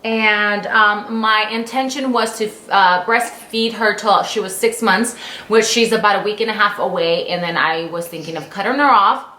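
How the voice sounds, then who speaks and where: A woman's voice: mid-range voice, moderate pace, bright, forceful tone. A woman in her late thirties chatting casually as a vlogger, rambling with lots of fillers and restarts. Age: 30s. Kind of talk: casual story-time chat. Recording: roomy echo.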